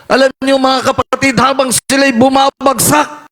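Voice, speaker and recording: High-voiced male preacher telling a dramatic story. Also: little pitch movement, normal speed. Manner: dramatic, keeps addressing the congregation as beloved, climbs to shouts at peaks. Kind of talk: storytelling sermon.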